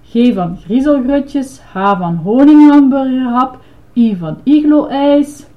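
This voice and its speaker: A woman's voice: high voice, lively intonation, takes it slowly, narrow, tinny audio, voice pushed up. Grover, a woman doing a proud chanting ice cream monster. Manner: proud, chanting, eager to please. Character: cheerful blue male monster ice cream seller.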